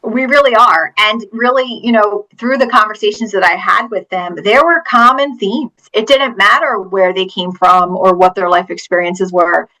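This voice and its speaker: A woman's voice: mid-range voice, steady tone, moderate pace, hardly any pauses, bright, forceful tone, poor audio. A woman from Pennsylvania, a teacher and author, answering interview questions in an earnest, storytelling way. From Pennsylvania, USA.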